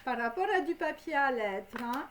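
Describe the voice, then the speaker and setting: A woman's voice: sits high, expressive, normal speed, a little hiss or hum. A woman giving a rambling tarot reading, full of fillers and asides. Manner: rambling, many fillers and "hein". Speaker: tarot card reader. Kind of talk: casual tarot reading to camera.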